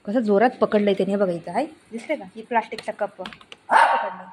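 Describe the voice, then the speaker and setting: A woman's voice: medium pitch, a little fast. A woman at home talking to her pet dog, coaxing and scolding it with short, repeated commands, recorded on a phone. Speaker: pet owner. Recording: noisy home video with dog barking.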